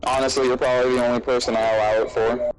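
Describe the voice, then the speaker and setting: A man chatting casually over a voice call while gaming, swearing freely and telling animated stories. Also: mid-range voice, fast, noisy background. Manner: profane, animated storytelling. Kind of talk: casual chat.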